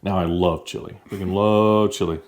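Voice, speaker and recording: A man's voice: deep voice, steady tone, moderate pace, a little mellow. A man casually chatting as he tastes new foods for a vlog, easygoing and talking while eating. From United States. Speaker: vlogger. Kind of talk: casual food-tasting chat.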